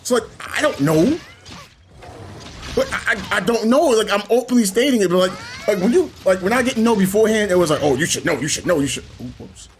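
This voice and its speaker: With a brisk, high-sitting voice and a little hiss or hum in the audio, a man streams a game and chats casually. His long story rambles on as he animatedly acts out the people in it, quoting them in their voices.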